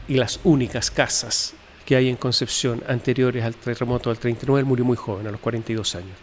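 A man's voice: mid-range voice, a little hiss or hum. Man telling family stories. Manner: measured, reflective storytelling with frequent fillers. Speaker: guest. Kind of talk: interview, family history.

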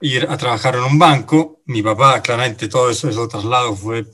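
A middle-aged man from Italy, a native Italian speaker with an Italian accent, answering radio interview questions in a halting way, full of pauses and fillers. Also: medium pitch, fairly even intonation, a bit bright. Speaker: guest, finance director.

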